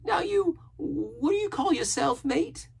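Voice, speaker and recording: A man's voice: extremely high pitch, lively intonation, a little slow, gravelly, voice pushed up, full character voice. A man voicing a half-crazed, sly and pious marooned sailor in a storybook, with a strained, cracking voice and rustic pirate grammar. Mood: eager, sly.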